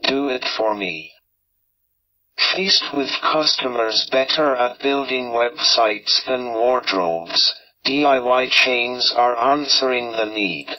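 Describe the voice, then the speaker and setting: Synthetic male reader, unhurried, muffled low-sample-rate playback, a bit robotic. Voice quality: slightly robotic. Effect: text-to-speech reading voice. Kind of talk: synthetic read-aloud of an article.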